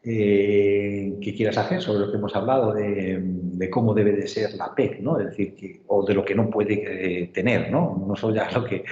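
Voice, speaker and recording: With a lowish, dark voice and a little hiss or hum on the line, a man teaches literature online. Patiently explaining, he regularly tosses in tag questions to make sure his students keep up, all in an echoey, roomy, dull-sounding recording.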